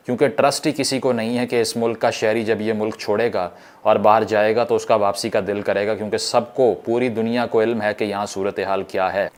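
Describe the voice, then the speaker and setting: A man from Pakistan giving formal political commentary, measured, with English phrases woven in. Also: on the low side.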